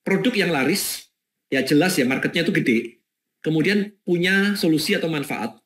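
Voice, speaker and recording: Lively man teaching an online webinar. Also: on the high side, normal speed, reverberant. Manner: lively, conversational teaching with many "oke" and "ya". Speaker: webinar speaker.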